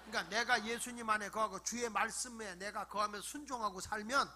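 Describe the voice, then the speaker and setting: A middle-aged male pastor preaching a Friday night revival sermon, playfully acting out wheedling prayers and swinging from soft murmurs to shouted bursts. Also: high-pitched, steady tone, a little fast.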